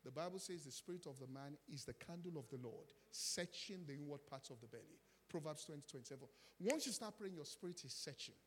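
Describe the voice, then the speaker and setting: A man preaching a sermon, asking his congregation call-and-response questions, his voice swinging from loud emphatic peaks to low quiet passages. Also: fast, few pauses, in a large hall.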